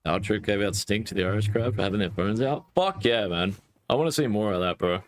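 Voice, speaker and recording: Profane man ranting, low voice. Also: a little fast. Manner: profane, animated ranting with rising outbursts. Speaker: gaming streamer. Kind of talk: casual rant while playing a game.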